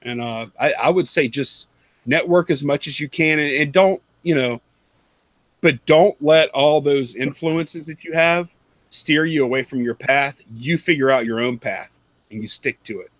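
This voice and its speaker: A man's voice: fairly high pitch, a little slow, fairly bright tone, no echo. A man in his thirties on a headset video call, giving advice in a rambling, self-correcting way and laughing often. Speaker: panelist, reseller. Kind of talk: casual video call chat. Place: home room with collectibles.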